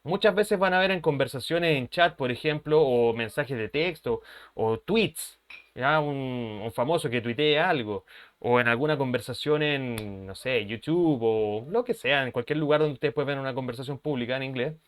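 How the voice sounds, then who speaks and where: A man's voice: mid-range voice, normal speed. A man teaches an English class. He has a mid-range voice and explains patiently. He keeps checking that his students follow along. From Chile. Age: 30s. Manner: patient, repeats points and keeps checking understanding. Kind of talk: language lesson explanation.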